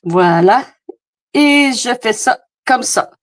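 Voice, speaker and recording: A woman's voice: fairly high pitch, expressive, takes it slowly. A woman with a Québécois French accent, demonstrating card making in a casual, rambling live chat full of fillers. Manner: chatty, rambling, many fillers. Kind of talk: casual live craft demo. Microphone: phone camera.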